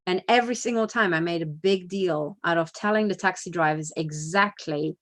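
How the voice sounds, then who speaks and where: A woman's voice: on the low side, normal speed. A woman giving a casual spoken report. She talks bluntly and emphatically, swears freely, and keeps checking in with "you know" and "right?". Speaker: activist giving a video report.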